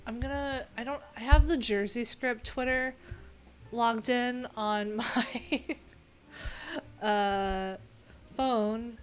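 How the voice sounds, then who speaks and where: Hosting a livestream from a small, cluttered indoor room with music in the background, a middle-aged developer chats casually as she browses. Her slightly high voice has fairly even intonation, and she takes it slowly, pausing often while rambling candidly through her thoughts.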